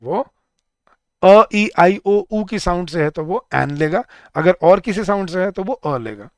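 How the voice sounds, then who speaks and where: A young man teaching grammar in a live online class, asking his students many questions and reading example sentences slowly. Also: high voice, expressive, darkish tone, dry recording, clean studio sound. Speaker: English teacher for bank exams.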